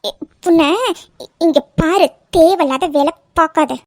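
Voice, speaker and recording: Woman playing a prickly cartoon girl, very high-pitched voice, sharp and scolding. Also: a little slow, no room sound, clean studio sound. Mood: annoyed. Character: prickly young woman fending off a suitor.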